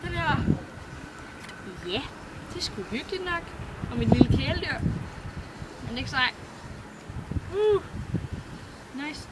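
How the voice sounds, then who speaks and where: A teenage girl talks to her computer's webcam at home, rambling from one thing to the next with giggles and offhand swearing. Her voice sits a little high. Loud background noise runs under the whole recording. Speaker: vlogger. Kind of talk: casual rambling chat to camera.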